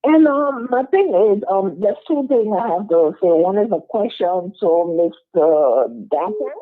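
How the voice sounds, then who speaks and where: A woman's voice: mid-range voice, expressive, measured pace. A woman calling in to a talk show, her voice muffled because something is covering her mouth, hesitant and unsure she is on air. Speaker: caller. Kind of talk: call-in radio talk. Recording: tinny phone line.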